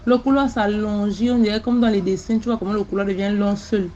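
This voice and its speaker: A woman telling a first-person mystical story in an animated way, repeating herself and using sound words, recorded with a slightly dull sound. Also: medium pitch, brisk, slight background noise.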